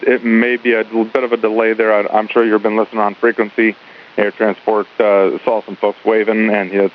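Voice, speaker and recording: A male air traffic controller giving instructions over radio in a conversational, repetitive way. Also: fairly low pitch. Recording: phone-like narrow radio with faint hiss.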